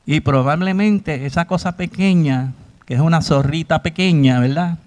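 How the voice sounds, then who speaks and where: A man's voice: on the high side, normal speed, a little mellow. A man preaching a sermon, often asking the congregation rhetorical questions and acting out quoted voices.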